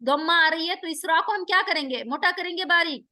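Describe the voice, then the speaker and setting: A woman's voice: very high voice, bright, forceful tone, no echo, studio quality. A woman teaching Quran recitation rules to students. She draws out verses in melodic recitation, explains each rule, and quizzes her pupils. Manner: switches between drawn-out melodic recitation and quick explanation; quizzes students and affirms answers.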